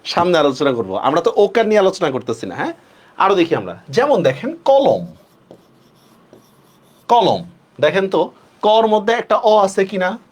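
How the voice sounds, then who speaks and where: A male teacher leads a pronunciation lesson with a lively, rising and falling voice. He pitches it a little high. He slows right down on the key rules and keeps checking in with his students. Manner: asks students frequent check-questions; stretches words slowly when stressing rules. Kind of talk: online class lecture.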